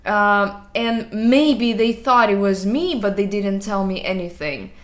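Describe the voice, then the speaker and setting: A young woman in a relaxed chat recounts a family story at a slow pace. She pauses often and leans on fillers as she searches for words. Her voice sits at a middle pitch. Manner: unhurried storyteller with hesitant fillers. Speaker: co-host. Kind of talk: casual chat.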